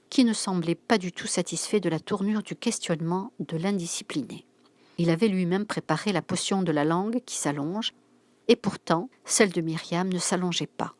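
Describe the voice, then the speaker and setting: A woman reads a novel aloud in a steady, clear storytelling manner. Her voice sits on the low side for a woman, and the recording is close and dry with no room sound. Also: no echo. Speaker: narrator.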